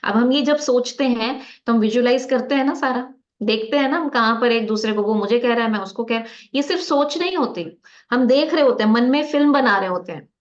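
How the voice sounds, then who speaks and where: A woman's voice: a little high, brisk. A woman lecturing on psychology in a conversational, motivational style, often asking her listeners rhetorical questions. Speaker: guest speaker on psychology. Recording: slightly dull, lo-fi recording.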